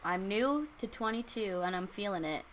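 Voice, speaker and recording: A woman's voice: mid-range voice, normal speed, a little hiss or hum, poor audio. A woman in her early twenties chatting on a podcast with a dry, teasing manner. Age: 20s. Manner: teasing, deadpan. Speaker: podcast co-host. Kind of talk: casual chat.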